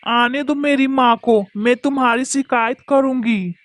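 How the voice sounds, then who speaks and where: A woman's voice: high voice, steady tone, a little slow. A woman voicing a brave young girl bird chick in a cartoon, defiant and pleading by turns.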